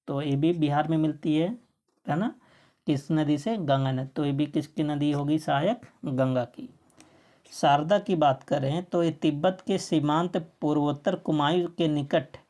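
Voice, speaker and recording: A woman's voice: low-pitched, darkish tone. A woman teacher going through exam quiz answers, asking herself questions and answering them, often correcting her own slips.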